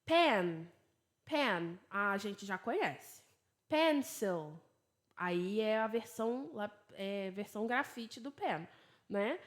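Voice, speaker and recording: Brazilian woman teaching English, American-leaning accent. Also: medium pitch. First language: Portuguese. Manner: drills words slowly, then explains in quick chatty Portuguese; laughs at her own slips. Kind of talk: online English lesson for Portuguese speakers. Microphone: laptop.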